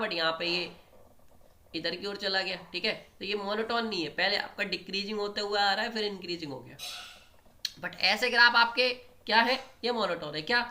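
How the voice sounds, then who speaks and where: A man's voice: high-pitched, sharp tone. A man teaching a maths lecture, explaining step by step and often checking in with his students. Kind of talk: online exam-prep lecture at a board.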